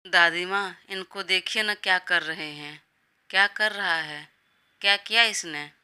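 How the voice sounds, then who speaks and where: A woman's voice: on the low side, a little slow, sharp tone, clean tone. A woman voicing a defiant young bride who complains and schemes against her husband. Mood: whining.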